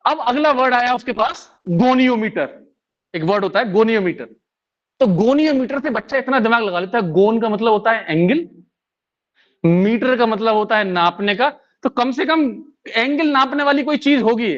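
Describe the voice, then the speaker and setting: A man's voice: very high-pitched, animated, normal speed, a bit bright. A man with an Indian accent giving a live-streamed lesson, explaining word roots in mixed Hindi and English and often checking in with his listeners. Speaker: English teacher. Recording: dull lo-fi stream audio.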